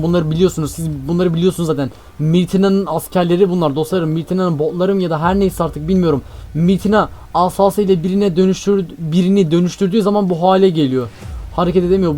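A man's voice: on the high side, warm tone. Frantic young man narrating gameplay. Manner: frantic, repeats phrases, addresses viewers as friends. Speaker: Minecraft gameplay streamer. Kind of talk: excited gameplay commentary.

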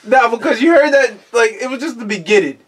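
A high-pitched man hosts a podcast and chats casually. He jokes crudely and keeps breaking into laughter. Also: quick pace, fairly bright tone, recorded from a distance. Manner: crude, joking, laughs often. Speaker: podcast host. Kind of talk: casual chat.

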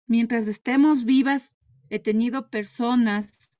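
A woman's voice: a little high, steady tone, measured pace, warm tone, no echo, muffled recording. A woman speaking as a guest on a choppy, breaking-up video call connection, talking earnestly and emphatically and often restarting her words. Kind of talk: earnest conversational talk.

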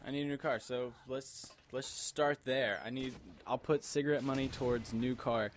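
A middle-pitched man gives casual gameplay commentary while tipsy from drink. He rambles and circles back over the same phrases. There is faint noise and ambience behind his voice. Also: fairly even intonation, normal speed. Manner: rambling, repeats himself. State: tipsy from alcohol. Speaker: gamer commentator.

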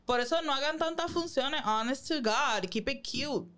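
A woman's voice: high voice, normal speed, a bit bright. Sassy Puerto Rican woman chatting. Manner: sassy, slangy, mixes in English phrases. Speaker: podcast co-host. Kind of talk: casual chat.

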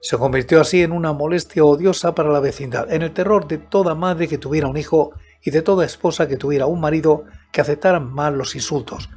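A man in his seventies narrating a horror tale in a slow, deliberate, measured storytelling manner, close on a studio microphone. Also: on the high side, darkish tone. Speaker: audiobook narrator and host of a horror story show. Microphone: close studio microphone with headset monitoring. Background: background music.

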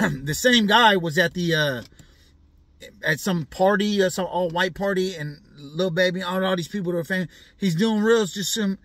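A man's voice: high-pitched, moderate pace, a bit bright, no room sound. A man hosting a show, rambling through casual commentary with lots of fillers and slang, always checking in with "right?". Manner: asks the listener for agreement again and again. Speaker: show host. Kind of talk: casual commentary on celebrity news.

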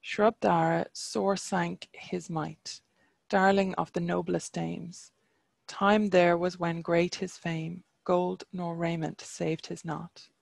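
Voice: mid-range voice, flat delivery, slow pace, gravelly, no echo, exaggerated voice. A reader voicing the male warrior hero Cuchulainn, reciting archaic verse in a chant-like manner. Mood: pleading. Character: legendary young male Irish hero, defiant warrior.

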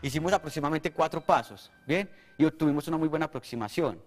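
A man's voice: on the high side, fast talker, in a large hall, noisy background. A man, a math teacher, explaining a method step by step on a televised lesson. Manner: explanatory, steady, asks for agreement.

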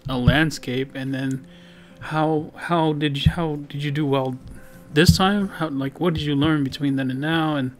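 Guy rambling about his painting, lots of um and you know, kinda high voice, guitar music going in the back. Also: steady tone, measured pace, few pauses. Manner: rambling, filler-heavy, self-deprecating. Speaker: digital painter and video host. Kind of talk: casual voice-over commentary on his painting. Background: background guitar music.

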